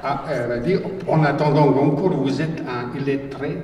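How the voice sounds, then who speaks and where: A man from Bosnia with a Bosnian accent, telling personal stories on a panel in a halting, wry way, often repeating words. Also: mid-range voice, fairly even intonation. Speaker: writer on a panel. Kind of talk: personal storytelling talk. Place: conference hall. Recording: roomy hall, distant mic, faint noise.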